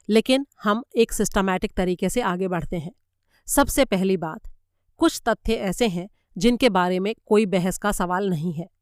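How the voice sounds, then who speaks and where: A woman voicing a calm, methodical male detective in a story reading, cool and measured as he reasons. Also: mid-range voice, smooth, no echo, studio quality, natural voice.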